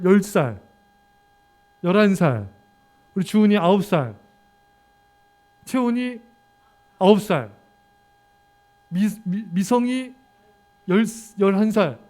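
A man with a notably high voice preaches to his congregation. He jokes, teases the children in the pews and now and then barks at them to hush. His delivery is playful and animated. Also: slow, long pauses. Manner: lively and joking, teasing children in the congregation; breaks into sudden shouts for quiet. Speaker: pastor. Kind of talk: sermon.

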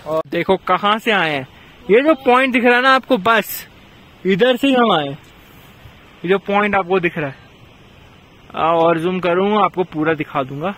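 Vlogging with a handheld camera on a mountain trail, a young travel vlogger casually calls his viewers bhai, or brother. He speaks in a high, fairly bright voice, unhurried and pausing often.

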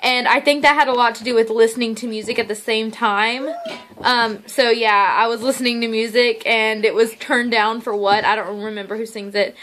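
A woman's voice: fairly high pitch, fairly even intonation, normal speed, fairly bright tone. A young woman chatting casually to the camera as a vlogger, in an informal, easily sidetracked way. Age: young adult. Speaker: vlogger giving daily fitness updates. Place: living room at home, on a couch. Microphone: camera or phone at arm's length. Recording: noisy home phone-style recording, clicks. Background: noise, small child playing nearby.

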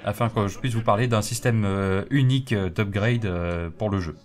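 A man's voice: fairly low pitch, moderate pace. A man hosting a let's play, chatting casually and jokingly as he thinks aloud through the game. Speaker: gaming video host. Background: game music.

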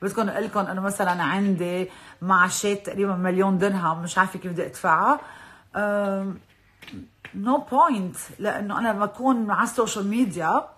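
A woman's voice: medium pitch, a bit bright. Chatty Lebanese woman mixing in English. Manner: chatty, mixes in English words, laughs often. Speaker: social media personality hosting a live stream. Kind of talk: casual chat on a live stream. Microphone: phone.

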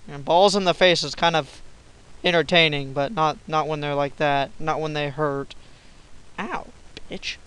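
A young man narrating his gameplay in a slow, easygoing drawl that keeps sliding into profanity and sudden yelps. His voice sits a bit high and sounds smooth and clean. He talks like a goofy gamer chatting to his viewers. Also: steady tone, low-quality recording. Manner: swearing, silly, bursts of yelling. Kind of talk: casual gameplay commentary.

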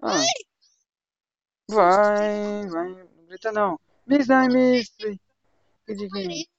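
Speaking extremely slowly in a high, creaky voice, a young man from Brazil talks slang-heavy banter with voice chat during his gaming livestream. The home stream mic sounds dull and lo-fi.

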